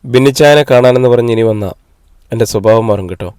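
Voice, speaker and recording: A man's voice: medium pitch, fast, a little mellow, clean tone, no room sound, studio quality, close to an everyday voice. A man reading the lines of a hostile young man who blocks a hospital room, stern and threatening.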